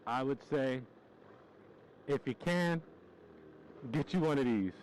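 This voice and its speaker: A man's voice: medium pitch, takes it slowly, a little mellow, a little hiss or hum, low-quality recording. A young man vlogging casually outdoors, laid-back and slangy, upbeat as he chats about motorcycles. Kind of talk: casual vlog chat. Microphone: phone held at arm's length, helmet mic while riding.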